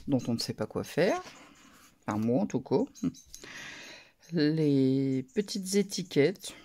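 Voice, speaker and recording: A woman casually talking through a craft haul, soft-spoken and murmuring, her asides drifting into whispers. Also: sits low, lively intonation, takes it slowly, a little hiss or hum. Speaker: craft vlogger.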